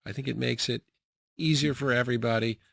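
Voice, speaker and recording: A young man chatting casually about his fragrances, relaxed, with many fillers and frequent laughs. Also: medium pitch, brisk, vocal fry, dry recording, studio quality. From grew up partly in the Bahamas and Jamaica. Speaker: fragrance reviewer. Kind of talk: casual product review.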